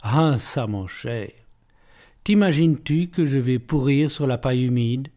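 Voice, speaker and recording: A man voicing a suave, ironic gentleman thief who talks in a playful, teasing, self-assured way in an audiobook. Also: medium pitch, a little slow, lightly acted. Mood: mocking.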